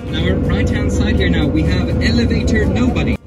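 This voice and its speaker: A man's voice: high voice, fairly quick. A man with a Swedish accent giving chatty, trivia-filled tour guide commentary to passengers. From Sweden. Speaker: bus boat tour guide. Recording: loud music playing under the voice.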